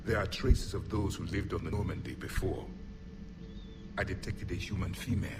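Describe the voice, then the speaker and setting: An actor playing a stern, ancient male alien warrior in a video game, with a formal, cold, measured way of speaking, heard through fuzzy distortion from a faulty recorder. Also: deep voice. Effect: fuzzy distorted game audio capture. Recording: loud fuzz and noise from a faulty recorder.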